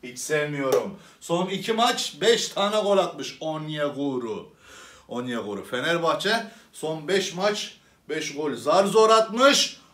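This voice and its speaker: A hot-tempered club president rants, swinging from syrupy pleading to furious outbursts, as a man puts him on in a comedy sketch. His voice sits high and carries a roomy echo. He sounds set back from the mic. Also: animated, slow pace, sharp tone, distant mic, full character voice. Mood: ranting. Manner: theatrical ranting, swinging from sweet to furious.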